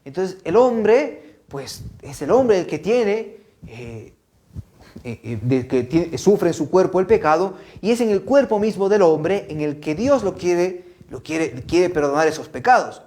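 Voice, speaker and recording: Lively Peruvian man teaching children. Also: high-pitched, measured pace. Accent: Peruvian Spanish. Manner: animated storytelling, frequent "¿no?" and "¿ah?" tags; repeats words and restarts often. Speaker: catechist. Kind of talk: children's catechesis talk.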